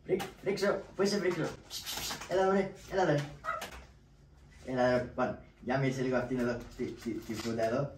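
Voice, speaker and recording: A man voicing a brash, scheming trickster who scolds and shouts orders, in a shadow puppet play, with roomy echo and distant mic. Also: mid-range voice, level tone, few pauses, background noise, lightly acted. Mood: bossy. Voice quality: loud, scolding.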